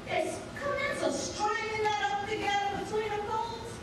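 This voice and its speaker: A woman's voice: very high voice, steady tone, moderate pace. A woman with a Cajun Louisiana accent telling folk tales in a theatrical, folksy dialect. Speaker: storyteller. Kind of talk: dramatic folk storytelling. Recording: echoey room, distant mic, noisy background.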